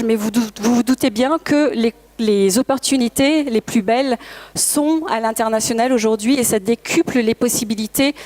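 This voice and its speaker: At a trade fair, an English-native conference speaker who founded a language school delivers an earnest, motivational talk, frequently speaking straight to her audience. Her voice is a little mellow and slightly higher than most, and she occasionally hesitates or corrects herself partway through a sentence.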